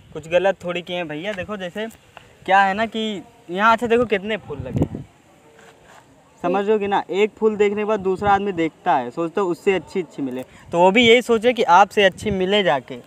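A man's voice: high voice, normal speed, slight background noise. A young man hosting a street prank, teasing and cajoling in casual banter, outdoors in a park and caught by a distant hidden camera. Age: young adult. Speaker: prank video host.

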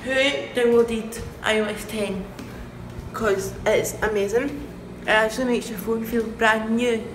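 A woman's voice: fairly high pitch, fairly even intonation, a little slow. A young adult woman chatting casually and informally to her vlog viewers, rambling and asking herself questions as she goes. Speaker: vlogger. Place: indoor rooms, echoing. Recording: echoey room with loud background noise.

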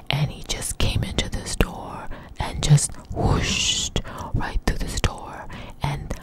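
Whispering close to the microphone, a woman tells an informal ASMR story in a breathy, intimate, conversational way. Her voice is low-pitched, and the recording is rough.

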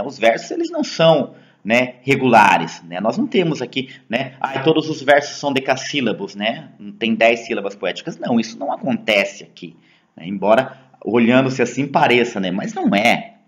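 Brazilian male teacher, lively and animated intonation, chatty classroom explanations peppered with "né?". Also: medium pitch, lo-fi sound. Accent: Brazilian Portuguese. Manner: tags sentences with "né?" and "tá?", conversational. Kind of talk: explaining poems in a lesson.

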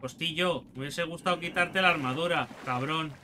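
A man with a Spain Spanish accent speaks at normal speed in a slightly high, bright, forceful voice, with slight background noise. A gaming YouTuber, he swears, cracks jokes, and mocks his enemies during crude let's play commentary.

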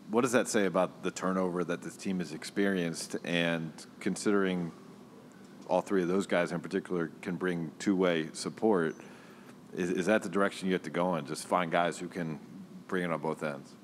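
A man's voice: low voice, normal speed, slight background noise. A man reporter asking a long, detailed, methodical question at a press conference.

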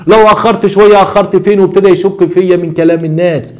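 A man with an Egyptian accent, host of a show, telling a crime story in a preachy, animated way. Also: high-pitched, quick pace. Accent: Egyptian Arabic.

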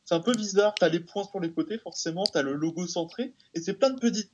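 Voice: medium pitch, fast talker, a little mellow, slight background noise. A guest on a live stream, talking casually in a laid-back, easygoing way.

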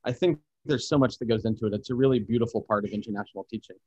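A man with a fairly low, slightly rough voice talks very fast as a podcast guest, reflecting on travel, teaching and photography in an expansive, thoughtful way. He speaks warmly about cultural experiences while telling stories in conversation. The recording is dry, with the highs cut off.

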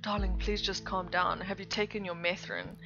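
A woman reading as a calm, placating man. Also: fairly low pitch, moderate pace. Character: calm, placating man soothing his partner. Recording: slightly dull with faint music.

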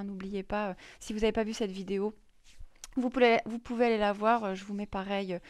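A woman's voice: medium pitch, clear, resonant tone, dry recording. A woman presenting crypto news in a casual screen-share explainer, chatty and full of hesitations. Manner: many fillers and restarts, chatty.

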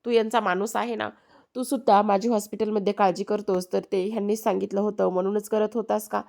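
Woman doing a stubborn young heroine, indignant and refusing, a bit gravelly. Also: medium pitch, flat delivery, a little fast, dark tone, close to an everyday voice. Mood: defiant. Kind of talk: serial recap, quoted dialogue.

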